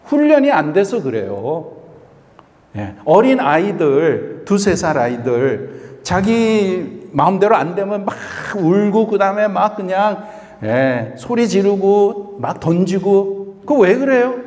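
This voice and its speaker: Male pastor preaching, a fairly high voice and long hall reverb; he asks rhetorical questions and slips into English. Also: sing-song, slow pace. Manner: switches between Korean and English phrases; acts out prayers in a soft voice. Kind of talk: sermon. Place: church sanctuary.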